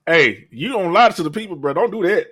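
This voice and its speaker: Man, 30, podcast host: brash, profane, animated and a touch high, big laughs. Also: a little fast, breathy edge. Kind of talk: casual chat.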